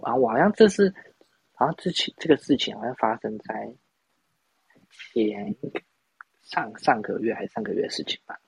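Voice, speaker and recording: Husky gravelly young man. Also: mid-range voice, animated, normal speed, pauses often, dry recording, low-quality recording. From Taiwan. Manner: rambling, self-mocking, many restarts and laughs. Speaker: podcast host. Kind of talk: casual storytelling chat.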